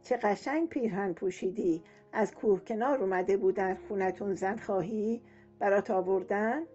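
A woman doing a nagging old granny, a touch higher and louder, dull lo-fi sound with faint music behind. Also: natural voice. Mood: curious. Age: older. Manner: complaining, nagging, talkative. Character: chatty gossiping old village woman.

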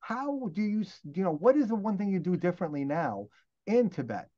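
Guy cohosting a podcast, kinda rambly and halting, sound's a bit muffled. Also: high-pitched, very animated, mellow. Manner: rambling, halting, many restarts. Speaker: co-host. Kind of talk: casual interview chat.

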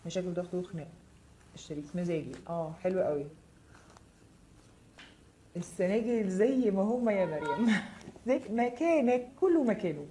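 A woman with an Egyptian Arabic accent giving a live tarot reading, answering viewers' comments with quick, reassuring, direct advice. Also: mid-range voice, lively intonation, dark tone, slight background noise. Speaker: tarot reader.

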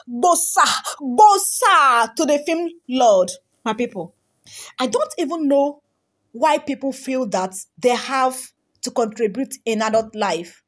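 A young woman with a Nigerian accent, narrating entertainment gossip over screenshots of comments. Her voice sits high and swings widely up and down, with bursts of laughter and Pidgin asides. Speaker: celebrity gossip presenter. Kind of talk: voice-over reading social media comments.

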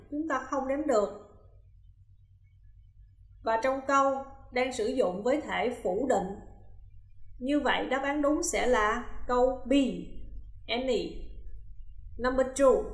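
A woman English teacher giving a recorded lesson. She reads example sentences slowly and carefully, then explains each answer step by step. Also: high voice. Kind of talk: recorded classroom lesson, explaining grammar exercises. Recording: roomy, echoey room.

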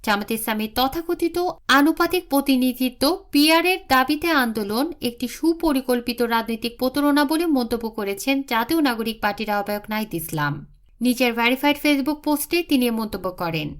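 A woman presents the news, her voice pitched high. She keeps a formal, even newsreader's delivery throughout, reading from a script. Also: a little fast.

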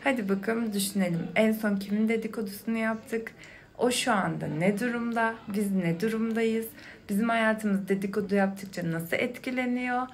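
A young adult woman talking to camera in an explanatory way, calm and reflective, addressing the listener directly. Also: a little high, moderate pace. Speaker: video creator.

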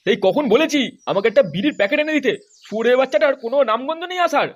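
A man's voice: very high-pitched, expressive, racing, muffled recording. A man voicing a grumpy, foul-mouthed aging father in a comic cartoon, complaining and cursing. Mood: grumbling. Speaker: cartoon character.

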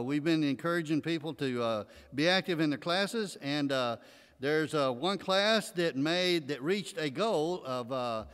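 An older man with an East Texas accent reads folksy church announcements into a pulpit mic, his slightly high voice fairly bright. He fills the gaps with plenty of "uh"s. Behind him sits a choir, and the big sanctuary gives the audio a long reverb.

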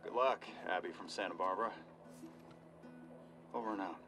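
A calm male survivor radio operator from a video game. His low voice is measured and matter-of-fact, heard through a radio filter over clear guitar music. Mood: calm, welcoming. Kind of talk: video game drama acting.

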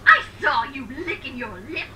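A woman's voice: high voice, very animated, normal speed, a loud crowd. A woman voicing a sassy, teasing, theatrical talking pumpkin toy.

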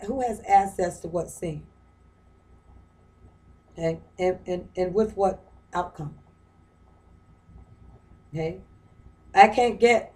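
Woman, lowish voice, conversational lecturer who circles back on phrases and asks rhetorical questions. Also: a little mellow, poor audio. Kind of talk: informal lecture on a reading. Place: her home.

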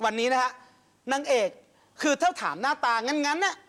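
A man giving a chatty, expressive critique as a judge in a TV studio. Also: extremely high pitch, moderate pace. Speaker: talent show judge. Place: TV studio with audience.

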